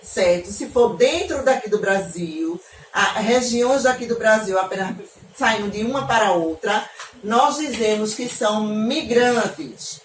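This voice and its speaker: A woman's voice: mid-range voice, unhurried, a little hiss or hum. A woman from Northeast Brazil teaching an online geography class to children, affectionate and often checking in with questions. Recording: echoey room, mic at a distance.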